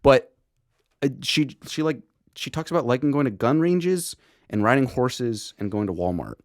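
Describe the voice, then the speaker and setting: A man's voice: mid-range voice, animated, normal speed, dry recording, clean studio sound. A young man hosting a casual podcast chat, rambling and profane, with lots of restarts and laughter. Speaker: podcast host.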